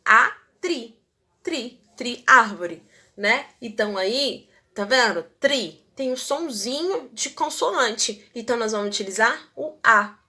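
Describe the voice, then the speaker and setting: A woman's voice: a little high, sharp tone. A woman whose first language is Portuguese, teaching English grammar and checking in with her students as she explains. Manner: slow, repeats English words for pronunciation; checks in with tag questions to students.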